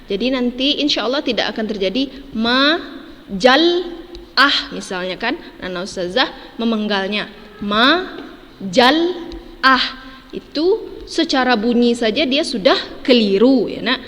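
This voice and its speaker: A woman's voice: fairly high pitch, expressive, moderate pace, a bit bright, in a large hall. A woman teaching a children's lesson, patiently spelling words out syllable by syllable and tagging "ya, Nak" onto every phrase. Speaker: primary school teacher.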